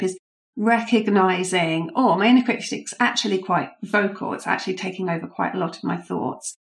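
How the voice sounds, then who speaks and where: A woman speaks as a coach on an interview podcast. She explains her ideas patiently and keeps turning to small stories. Her voice sits at an ordinary middle pitch for a woman. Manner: warm, explanatory, anecdotal. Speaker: guest, leadership coach.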